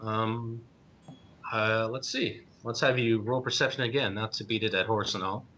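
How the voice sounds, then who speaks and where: A man narrating as game master, pausing often with ums and uhs as he describes scenes. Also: steady tone, pushed and bright. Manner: hesitant, many ums and uhs. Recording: dull lo-fi stream audio with faint rumble.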